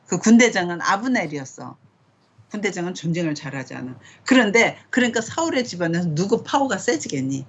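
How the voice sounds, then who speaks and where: Middle-aged woman, conversational Bible teacher, low and breathy, muffled home recording. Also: sing-song, brisk. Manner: conversational, asks questions, reads scripture aloud. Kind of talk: casual bible study teaching.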